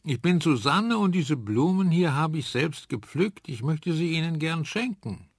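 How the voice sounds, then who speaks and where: A man's voice: a little high, animated, unhurried, husky, dry recording, clean studio sound, pitched above the performer's own voice, full character voice. A man voicing a cheerful little girl who giggles and speaks with enthusiasm. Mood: giggly. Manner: laughing, bright, enthusiastic.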